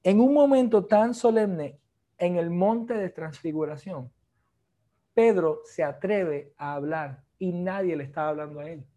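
A man preaching a sermon, lively and joking with the congregation, mixing Spanish with English phrases. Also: high voice, unhurried.

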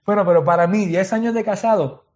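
High-voiced Miami preacher mixing in English. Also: male voice, a little fast, darkish tone. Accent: Miami Spanish with English code-switching. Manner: mixes English phrases into Spanish, restarts often. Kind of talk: sermon.

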